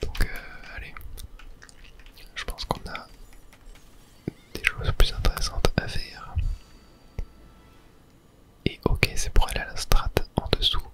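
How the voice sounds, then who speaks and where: Speaking in a soft, close-mic whisper throughout, a man murmurs casual ASMR-style video game commentary, chatting gently to his viewers as he plays. He talks slowly and pauses often.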